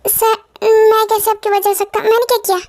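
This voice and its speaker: A woman's voice: extremely high pitch, little pitch movement, a little fast, darkish tone. A woman voicing a tearful frightened young man. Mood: pleading. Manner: pleading, polite, shaken. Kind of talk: fan dub of a romance drama.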